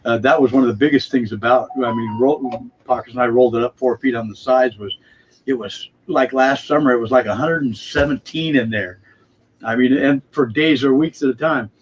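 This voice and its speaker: A man's voice: mid-range voice, brisk, faint music behind. A man chatting casually and ramblingly in a folksy way as co-host of a live stream about home growing. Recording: muffled, noisy live-stream audio.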